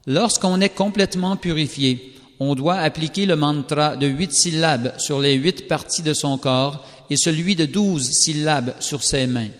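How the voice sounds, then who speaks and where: A scripture reader recites a sacred text from a script, slow, solemn and carefully measured. His voice is a little higher than most men's, and each phrase trails off into the long reverb of a hall.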